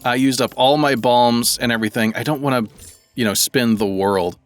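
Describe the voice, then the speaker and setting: A man's voice: mid-range voice, fairly even intonation, moderate pace, soft background music. A man giving casual let's-play commentary, thinking aloud and rambling as he plays. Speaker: gaming video creator.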